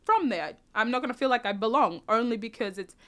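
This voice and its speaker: A young woman from South Sudan, answering interview questions in a relaxed, reflective way, often restarting and adding "you know". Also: a little high, fast. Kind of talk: casual conversational interview.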